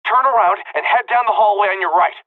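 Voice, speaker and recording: An actor voicing a brusque young man who gives orders over a radio link, brisk and impatient. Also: high voice, a little hiss or hum. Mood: urgent. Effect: radio comm filter. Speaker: video game character. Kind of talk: game voice acting. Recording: tinny comm-link filter.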